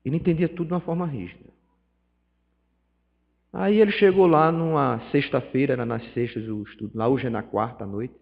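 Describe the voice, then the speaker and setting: A gravelly, medium-pitched man speaks briskly in Pernambuco Portuguese, lecturing a spiritist study group in a centre's meeting hall. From Northeast Brazil, he tells stories with acted dialogue and emotional swells, and the recording is dull and reverberant.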